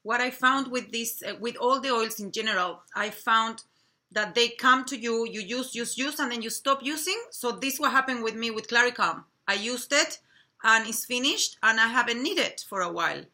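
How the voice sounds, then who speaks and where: A woman from Chile with a Chilean Spanish accent, chatting casually about products in a halting, friendly way with small slips. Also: a little high, sharp tone. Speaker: co-host.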